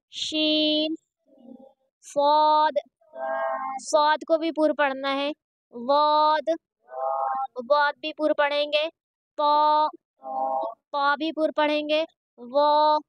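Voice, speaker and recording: A woman's voice: high voice, a bit bright, no room sound. A woman teaching a Quran reading lesson, patiently reciting letters one by one and explaining how each is pronounced.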